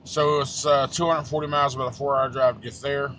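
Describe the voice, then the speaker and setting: A man's voice: medium pitch, little pitch movement, quick pace, fairly bright tone, a little hiss or hum. A middle-aged man talking casually to the camera from his truck cab, rambling with frequent restarts and fillers, blunt and swearing now and then. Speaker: trucker vlogger. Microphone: small handheld camera.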